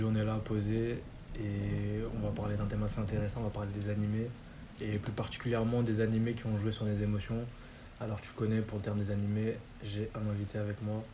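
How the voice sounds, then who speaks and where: A man's voice: lowish voice, background noise. Casual young man hosting an anime chat. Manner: relaxed slangy talk with many fillers. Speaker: host.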